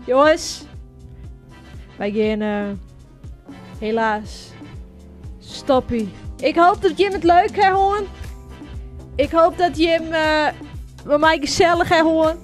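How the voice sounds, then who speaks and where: A woman's voice: high voice, expressive, slow, pauses often, faint music behind. A woman with a Frisian accent chatting casually to viewers while she plays a video game, exclaiming at what happens on screen. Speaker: gaming video host. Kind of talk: casual gameplay commentary.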